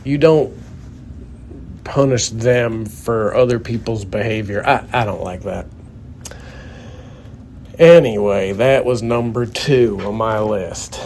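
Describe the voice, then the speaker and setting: Man, young adult, sarcastic comedic rant, unhurried, warm tone. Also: on the low side, a little hiss or hum. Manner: sarcastic, grumbling complaints. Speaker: guest comedian.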